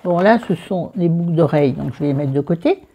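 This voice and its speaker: This middle-aged beauty vlogger has a southern French accent and a low, dark, slightly rough voice, captured on lo-fi sound. She talks briskly and self-mockingly about her makeup and skincare, addressing viewers and friends by name.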